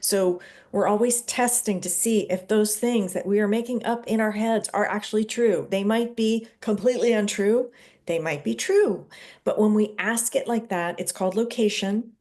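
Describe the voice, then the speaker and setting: A woman's voice: medium pitch, moderate pace, darkish tone. A woman hosting a casual book club discussion, explaining ideas and acting out short examples from her own marriage.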